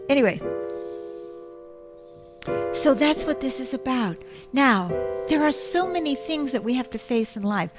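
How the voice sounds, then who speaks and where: With loud music behind her, this woman in her seventies hosts a show in a high-pitched voice with lively intonation. She keeps a measured pace and pauses often, and her monologue to viewers is rambling, self-mocking and full of jokes on the side.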